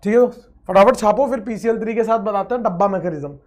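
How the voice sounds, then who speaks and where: A man teaching a chemistry lecture with energy and playfulness. He stretches out words, chants repeated phrases, and swings between loud outbursts and quiet asides. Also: high voice, fast. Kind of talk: online exam-prep lecture.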